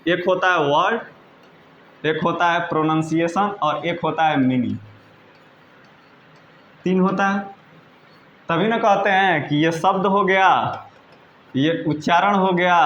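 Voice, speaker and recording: A man with a fairly high voice teaches patiently, repeating points and checking that his students understand. He spells words out slowly, one letter at a time. The room sounds echoey, with a faint hiss over a slightly dull recording. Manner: patient, repetitive, asks "understood?" often. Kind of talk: classroom-style lesson in Hindi.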